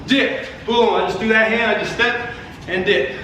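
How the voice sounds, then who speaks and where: A man's voice: high voice, fairly even intonation, moderate pace, bright, forceful tone. A man working as a fitness coach, calling boxing combos in short cues with encouragement during a workout. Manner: short barked cues and encouragement while exercising. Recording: echoey room, distant mic, background noise.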